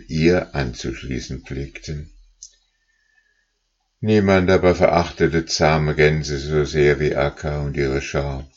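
Deep-voiced man reading a storybook aloud, slow and husky, slightly muffled recording. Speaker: narrator. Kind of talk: audiobook reading.

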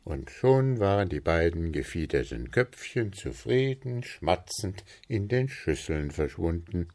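A man reading a children's storybook aloud as narrator, calm and measured. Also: deep voice.

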